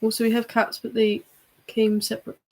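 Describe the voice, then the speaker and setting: A woman's voice: fairly high pitch, completely flat delivery, brisk, darkish tone. A woman co-hosting a livestream in casual chat, chatty and giggly, often trailing off with fillers. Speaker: livestream co-host.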